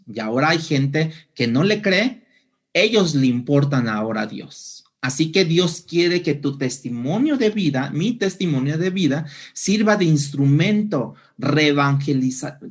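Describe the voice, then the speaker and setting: A male pastor delivers a sermon in a voice pitched a little above the usual for a man. He explains verses point by point and turns often to the congregation with questions.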